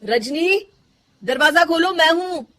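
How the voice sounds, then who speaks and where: A woman voicing a concerned, gentle young husband in a cartoon story, asking and pleading. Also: a little high, lively intonation, normal speed, a little hiss or hum. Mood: pressing. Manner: pleading, questioning.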